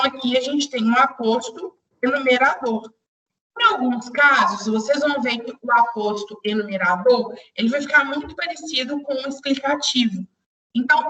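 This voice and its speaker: A woman's voice: high voice, bright, forceful tone, distant mic, poor audio. A young woman teaching a grammar lesson online, explaining step by step and speaking straight to her students.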